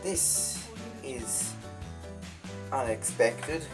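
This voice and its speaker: A man's voice: mid-range voice, very slow, over loud music. A man joking around while filming a home video with his band, recorded as old camcorder audio. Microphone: camera mic held away.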